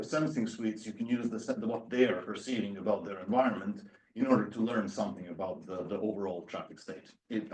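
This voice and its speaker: A man's voice: mid-range voice, darkish tone. A man in his thirties from Serbia, giving an academic lecture with many fillers and restarts. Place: university seminar room.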